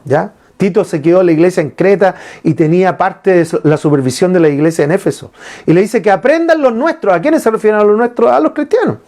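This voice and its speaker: A man's voice: high-pitched, quick pace. A man preaching a sermon as pastor, asking his listeners questions and retelling scripture. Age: adult father. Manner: lively preaching with rhetorical questions to the congregation.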